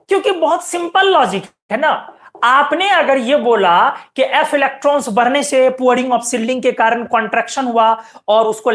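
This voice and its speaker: A woman with a fairly high voice teaches a chemistry class. She explains each step patiently. She keeps checking whether her students are following and tells them to watch closely. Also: a bit bright. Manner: explains step by step, asks students frequent questions; keeps urging students to pay attention. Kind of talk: classroom lecture.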